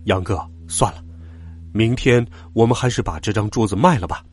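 A man voicing a fussy, fanciful father who speaks in a hushed, secretive way. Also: on the low side, moderate pace, husky, pitched below the performer's own voice. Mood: worried.

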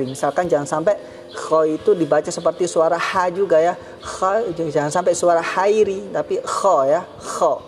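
A man teaching Quran recitation, patiently explaining Arabic letter sounds and repeating them slowly as examples. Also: on the high side, a little mellow, a little hiss or hum.

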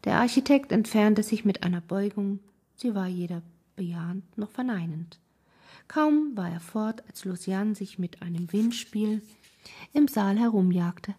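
A woman narrating a classic novel aloud in a soft, breathy, partly whispered delivery. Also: mid-range voice, measured pace. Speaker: audiobook narrator.

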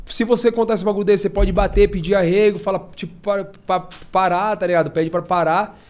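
A man, a podcast guest telling stories in a slangy, animated way. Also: high voice, fairly quick. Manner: slangy and animated, acts out his own past shouts. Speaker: podcast guest, professional fighter. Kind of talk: casual storytelling.

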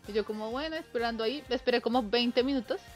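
A woman's voice: fairly high pitch, fast talker, soft background music. A young woman telling a casual anecdote, acting out the voices she quotes and laughing often. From Colombia. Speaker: storyteller.

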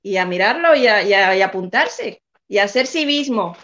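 A woman's voice: medium pitch, animated, brisk, fairly bright tone, highs cut off. A woman calling in to a livestream, speaking emphatically. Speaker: guest caller. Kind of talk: casual call-in chat.

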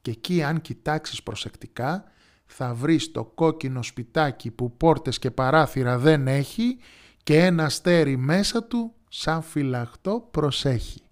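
A man voicing a patient, loving mother in a children's storybook, coaxing and gentle. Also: fairly high pitch, lively intonation, close to an everyday voice. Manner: gentle, coaxing, sing-song riddle reading. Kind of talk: storybook character voice.

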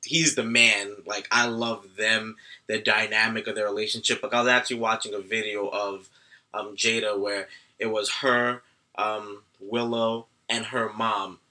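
A man's voice: on the low side, little pitch movement, measured pace, sharp tone. A young man co-hosting a casual chat show, easygoing and thoughtful. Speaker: podcast co-host.

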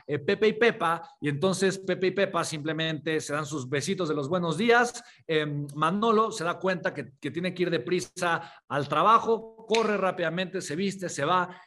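A man's voice: high voice, a bit bright. A man giving a live motivational talk, telling a story with hesitant restarts and rhetorical questions. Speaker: motivational speaker.

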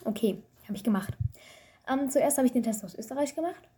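A woman's voice: high voice, lively intonation, fairly quick, mellow, slightly rough. A woman, a student, chatting casually over a call and telling rambling, self-mocking stories with lots of fillers.

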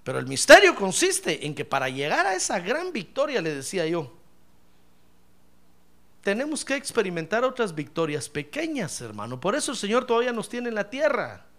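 A man's voice: high voice, huge pitch swings, moderate pace, a bit bright. A man preaching a sermon as pastor, calling listeners brother, joking with the congregation and acting out their complaints. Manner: jokes with the congregation.

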